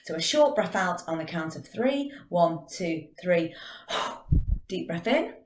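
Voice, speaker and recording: A woman teaching drama, calmly guiding a class through a breathing and vocal warm-up and counting out each breath. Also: on the low side, a little slow. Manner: calm, counting out breathing exercises. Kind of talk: guided vocal warm-up lesson. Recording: echoey room.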